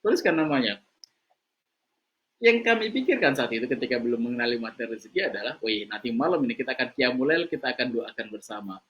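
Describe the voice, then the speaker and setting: A man giving a lively religious motivational talk, telling stories and shouting out the voices of their characters. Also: fast. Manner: animated storytelling, acting out voices in a high shout. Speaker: preacher. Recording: slightly dull lo-fi recording.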